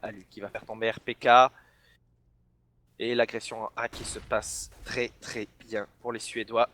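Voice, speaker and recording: A man from the south of France, casting an esports match solo and bursting into shouts on big plays. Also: lowish voice, level tone, moderate pace, background noise. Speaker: esports caster. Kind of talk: solo play-by-play commentary.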